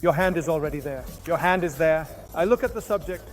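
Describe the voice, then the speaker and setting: A high-pitched man speaks as a hypnosis instructor, giving a demonstration lesson. He talks in short, halting phrases, breaking into commands and repetitions, with faint music behind him.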